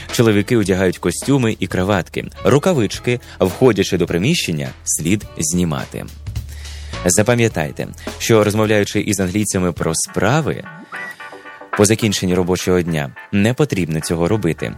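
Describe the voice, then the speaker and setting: A man presenting an educational program, reading a scripted lesson in a measured, instructive manner and slowing down on key words. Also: fairly low pitch, darkish tone. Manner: measured, didactic, stretches words slowly for emphasis. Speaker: presenter of a language and etiquette program.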